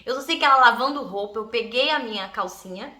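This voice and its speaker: A young woman tells a childhood story in a lively vlog, laughing often and slipping into her relatives' voices. Her voice is high and bright. The room around her is echoey. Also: fast. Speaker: vlogger. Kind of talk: animated storytelling about childhood.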